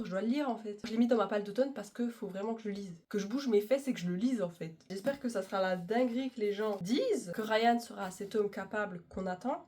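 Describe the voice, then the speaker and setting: A woman's voice: a little high, a little mellow. A young woman, chatting casually to camera as a book vlogger, gushing and self-mocking.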